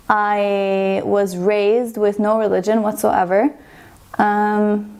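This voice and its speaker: A young woman from Estonia, speaking English, talks to her camera in a loose, rambling way. She pokes fun at herself as she goes, and a gravelly fry creeps into her mid-pitched voice. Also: warm tone. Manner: chatty, rambling, self-deprecating. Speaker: vlogger. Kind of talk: casual personal story to camera.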